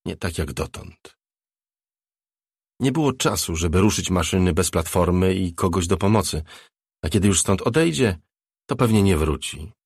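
A man narrating an audiobook in a measured, steady reading. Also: deep voice, husky, no room sound, studio quality.

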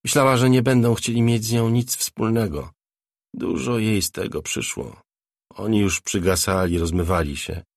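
A man's voice: on the low side, moderate pace, no echo, clean studio sound. A man doing a cocky, chatty young ex-hacker. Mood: boastful chatter.

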